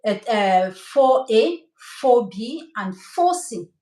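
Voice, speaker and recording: A middle-aged hair coach and cosmetologist from Cameroon, native in French and speaking with a Cameroonian French accent, teaches hair care on a live stream. Her fairly high voice is warm and expressive, and she takes it slowly, checking in with listeners eagerly and enthusiastically. The room sounds echoey.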